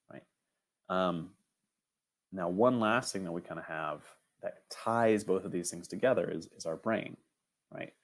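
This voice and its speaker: A young man teaching an online robotics lesson in a casual, rambling way, often checking in with "right?" and filling pauses with "um". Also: low-pitched, gravelly. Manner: casual, filler-heavy, frequent "right?" checks.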